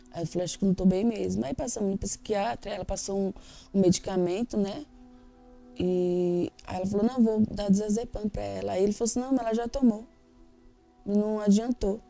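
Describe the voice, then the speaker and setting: In an interview, a woman speaking Brazilian Portuguese gives an emotional, candid personal testimony and acts out the dialogue she quotes. Her mid-range voice is warm, with vocal fry.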